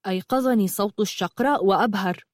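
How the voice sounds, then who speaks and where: A brooding, pious young knight, voiced by a woman narrator from a storybook. His lines come flat and monotone in a close, dry recording. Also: medium pitch, fast, dry recording, natural voice. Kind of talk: audiobook character reading.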